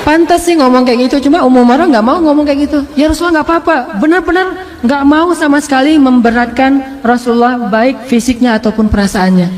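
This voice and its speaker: A man's voice: very high voice, fairly quick, long reverb tail. A male Islamic preacher telling a sermon story in a casual, humorous, colloquial way. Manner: lively, humorous, colloquial, with frequent laughs and restarts.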